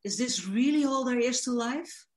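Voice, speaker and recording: A woman's voice: fairly high pitch, moderate pace. A woman from the Netherlands, a coach explaining her work fluently and enthusiastically in an interview. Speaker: guest, coach. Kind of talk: casual interview.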